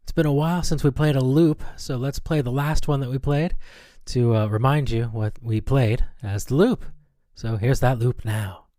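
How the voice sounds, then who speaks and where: A man's voice: mid-range voice, moderate pace, few pauses, warm tone. Exasperated, sarcastic male radio host. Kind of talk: comedy radio sketch.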